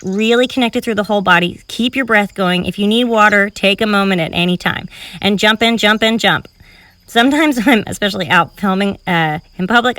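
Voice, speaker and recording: Female fitness instructor, bright and forceful, slightly winded, counting reps mid-workout, dry sound a little off-mic. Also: medium pitch, dry recording, far from the mic. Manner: encouraging, counts reps aloud while moving. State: slightly out of breath. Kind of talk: cueing a home cardio workout while exercising. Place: filmed outdoors in public.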